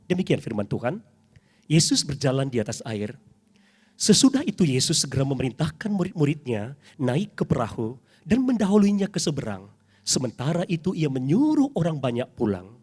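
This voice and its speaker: A middle-aged man preaching a sermon as pastor in a church, dramatic and animated, with sudden loud highs. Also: fairly quick, slightly rough.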